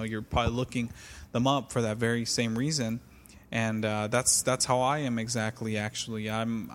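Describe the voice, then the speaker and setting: A man's voice: medium pitch, in a large hall. A man from California hosting a solo podcast, talking casually with many fillers and restarts. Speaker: podcast host.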